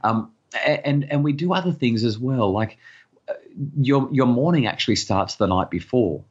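A man's voice: expressive, moderate pace, breathy edge, lo-fi sound. A middle-aged man, a parenting expert, talking earnestly as a podcast guest and often repeating words as he starts sentences. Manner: acts out harried parent voices in higher pitch. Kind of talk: podcast interview conversation.

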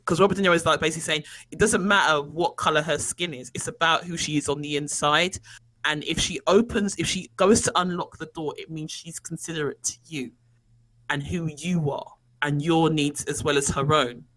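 A man, co-hosting a casual film chat and retelling scenes in an animated way. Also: fairly high pitch, a little fast, low-quality recording. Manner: animated storytelling, acts out quoted lines. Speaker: podcast co-host.

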